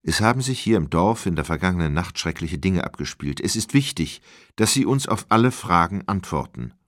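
A man's voice: sits low, animated, a little fast, fairly bright tone, no echo, studio quality. A man reading an audiobook, voicing an urgent female police officer who questions witnesses in a clipped, insistent way.

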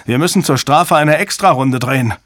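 A man voicing an urgent young female technician who shouts her reports excitedly. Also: mid-range voice, normal speed, dry recording, studio quality, pitched above the performer's own voice, close to an everyday voice. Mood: alarmed.

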